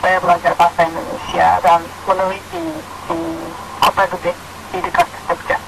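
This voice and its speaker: A woman with a Japanese accent gives interview answers in Indonesian as a foreign speaker. Her voice is creaky and she pauses between short phrases. The recording has clear noise. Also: fairly low pitch, little pitch movement. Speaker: radio guest. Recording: clearly noisy line.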